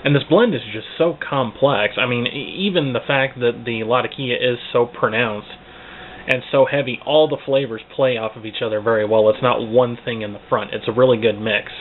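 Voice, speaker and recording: A man gives a casual, unscripted review in a mid-pitched voice. He hesitates and repeats words as he searches for the next one. The sound is narrow and phone-like, with clear noise behind him. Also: moderate pace. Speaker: pipe tobacco reviewer. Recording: tinny, phone-like band, clearly noisy.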